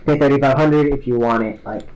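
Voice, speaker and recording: A man's voice: medium pitch, darkish tone, poor audio. A man in a mid-range voice runs a tabletop game as its game master. He explains rules and prices casually, stopping, restarting and padding his sentences with filler words. The delivery is loose and conversational. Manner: halting, full of fillers and restarts.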